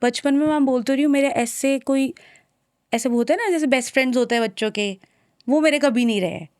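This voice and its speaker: A young woman from Uttarakhand, a singer, talking softly and a little hesitantly as an interview guest. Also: sits high, fairly quick, clean tone, no room sound, clean studio sound. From Uttarakhand, India. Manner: soft-spoken, shy, hesitant. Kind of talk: casual interview conversation.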